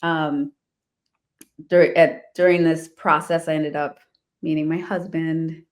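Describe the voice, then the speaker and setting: Here a real estate investor from the D.C. area, a woman, talks slowly in a low-pitched voice that barely moves in pitch. She's being interviewed about her life and tells it casually, breaking into laughter often and restarting sentences many times.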